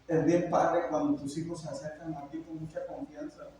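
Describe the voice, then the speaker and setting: A man's voice: fairly high pitch, level tone, moderate pace, mellow, slight background noise. A middle-aged man, preaching a conversational, joking sermon as pastor. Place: church hall. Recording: echoey church hall, mic far off.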